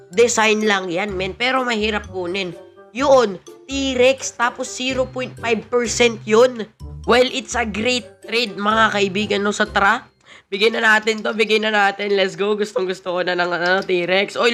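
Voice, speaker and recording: A woman giving excited gameplay commentary, mixing Tagalog and English and shouting "yo" often. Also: mid-range voice. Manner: excitable, mixes Tagalog and English, frequent "yo" exclamations. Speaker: gaming channel host.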